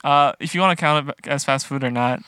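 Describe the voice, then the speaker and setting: A man's voice: medium pitch, fairly quick, sharp tone, clean tone, no room sound, studio quality. A man co-hosting a casual podcast, telling stories with lots of laughing and swearing. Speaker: podcast co-host.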